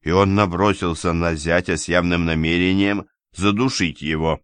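A man reading a novel aloud in measured scripted narration. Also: sits low, fairly bright tone, no echo, studio quality. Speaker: audiobook reader.

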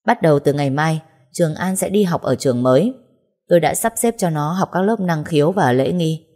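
A woman's voice: low voice, expressive, brisk, darkish tone. A woman voicing a wealthy, stern elderly grandfather who lays down orders curtly. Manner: curt, dictating orders.

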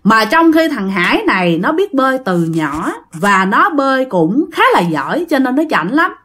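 A woman's voice: a little high, big pitch swings, moderate pace, a bit bright. A woman telling a ghost story in a chatty, rambling way. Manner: chatty, rambling, filler-heavy. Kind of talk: casual ghost-story narration.

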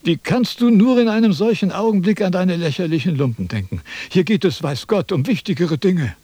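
An actor playing a vain, pompous philosopher in a 1970s radio drama, lecturing and easily indignant. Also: male voice, high-pitched, animated, fairly quick, warm tone, breathy edge, no echo. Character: vain, pompous old male Chinese philosopher.

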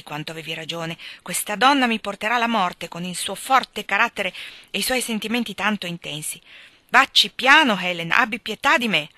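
A woman's voice: mid-range voice, bright, forceful tone, no echo. A woman reading the part of a dissolute, self-pitying young husband, with petulant, sarcastic complaints. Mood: peevish. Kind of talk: audiobook character reading.

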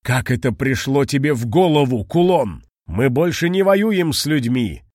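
Man doing a gruff father dragon, grumbling, muttering, storybook, dry close sound. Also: mid-range voice, very animated, a little slow, a little mellow, dry recording. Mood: stern. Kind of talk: audiobook character voice.

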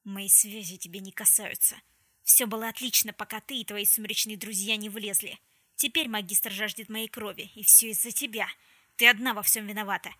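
Cruel, bitter young man, woman reading, hisses threats, bright and dry. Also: mid-range voice, fairly even intonation, a little fast, no echo. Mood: furious. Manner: menacing, hissing, bitter.

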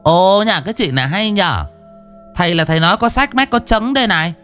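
A shrill, haughty old female shaman who brags and talks down to everyone, voiced by a man. The voice sits high above his own deep register and swings widely in pitch. Faint music plays underneath the storytelling. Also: lively intonation, brisk, fairly bright tone. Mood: indignant. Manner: shrill, bossy, boastful, haughty. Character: boastful sharp-tongued older female shaman.

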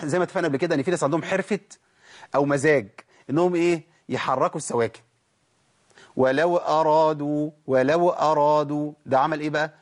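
An Egyptian man teaching Quran recitation in colloquial Arabic, asking questions and answering them himself, then reciting verse fragments slowly to show mistakes. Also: on the high side. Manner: lively, asks and answers his own questions, demonstrates verses slowly. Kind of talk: colloquial Egyptian tajweed lesson.

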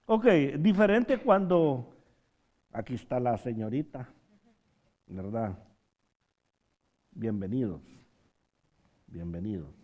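A man's voice: mid-range voice, expressive, slow, long pauses, darkish tone, muffled recording. A man preaching a sermon, posing rhetorical questions to the congregation and dropping in humorous asides. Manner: rhetorical questions with frequent "¿verdad?" tags.

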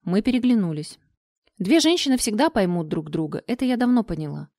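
A woman's voice: medium pitch, animated, brisk, a little mellow, dry recording, clean studio sound. Woman narrating a story in first person. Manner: narrates evenly, lifting into characters' quoted lines. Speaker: audiobook narrator.

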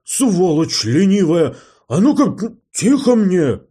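A man reading an audiobook and voicing a hot-tempered male gnome mechanic who shouts and swears, in a husky voice. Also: mid-range voice, very animated, slow, exaggerated voice. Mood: shouting.

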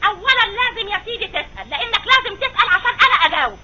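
Nagging chatterbox wife, very high, rapid-fire, old radio sketch, muffled with hiss. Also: female voice, big pitch swings, pushed and bright, exaggerated voice. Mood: scolding. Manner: nonstop fast nagging, shrill. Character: chatty nagging wife, middle-aged, scolding. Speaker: actress in comedy sketch. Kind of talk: vintage radio comedy acting.

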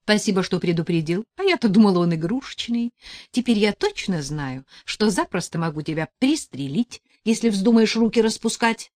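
A woman voicing a sharp-tongued, sarcastic young woman who snaps back in a high, shrill voice. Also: lively intonation, normal speed, no room sound, clean studio sound, natural voice. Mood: feisty, sarcastic.

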